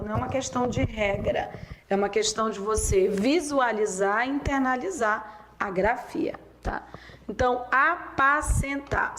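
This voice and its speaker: A Brazilian woman teaching a spelling lesson, dictating words slowly and drawing them out. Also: on the high side, a bit bright, a little hiss or hum, low-quality recording. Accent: Brazilian Portuguese. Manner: slow, drawn-out dictation of words.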